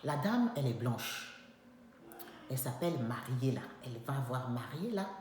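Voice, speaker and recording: A young woman with a low, deep voice tells a story from her own life, emphatic and lively as she acts out each exchange. Her voice rings through a very echoey room, with faint noise in the background. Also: normal speed. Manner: animated, emphatic, acts out dialogue. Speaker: vlogger telling a personal story. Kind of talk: personal storytelling monologue.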